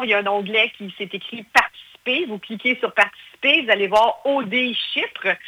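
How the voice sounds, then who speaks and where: A woman's voice: a little high, bright, forceful tone, no echo, poor audio. A woman with a Québécois French accent, a guest in a casual interview, talking in a chatty way with many hesitations.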